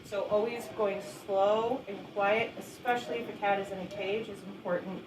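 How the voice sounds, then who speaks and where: A woman explaining shelter cat care in a soft, patient instructional voice. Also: steady tone, normal speed. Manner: soft and patient, high sing-song baby talk to cats. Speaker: shelter volunteer trainer. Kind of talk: instructional walkthrough. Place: animal shelter cat room. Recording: echoey room, voice from a distance, audible background noise.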